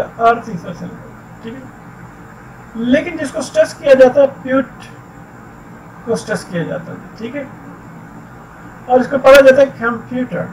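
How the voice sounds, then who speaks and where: High-voiced man teaching grammar. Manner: explains slowly, repeating words and "theek hai ji". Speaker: English teacher. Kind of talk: textbook grammar lesson. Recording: distant mic with faint background noise.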